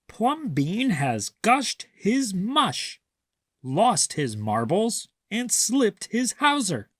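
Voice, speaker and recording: A man acts out a scandalized storybook neighbor, indignant and exclaiming. The pitch jumps high and swings widely, with each phrase stretched slowly for emphasis. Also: wildly swooping pitch, no echo, clean studio sound, exaggerated voice. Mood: scandalized, mocking. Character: indignant, scandalized neighborhood crowd of ordinary townspeople. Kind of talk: storybook character voice.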